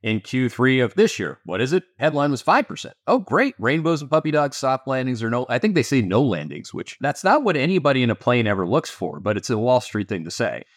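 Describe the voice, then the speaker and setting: Speaking with a Canadian accent, the investment firm founder fields interview questions with animated emphasis and sarcastic remarks. His mid-range voice moves briskly with hardly any pauses, recorded studio-quality without echo.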